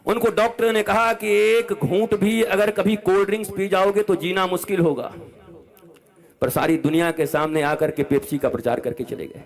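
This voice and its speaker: A man in his fifties preaches a religious discourse to a large gathering. He talks with passion and a scolding edge, rising to loud outbursts and dropping to soft asides. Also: sits high, fairly even intonation, normal speed. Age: 50s. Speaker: spiritual preacher.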